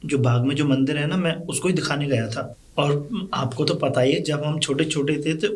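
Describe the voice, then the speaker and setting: A man's voice: on the high side, moderate pace, lightly acted. An actor playing a humble young village man who explains himself hesitantly and respectfully. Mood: nervous. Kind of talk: low-budget film drama acting.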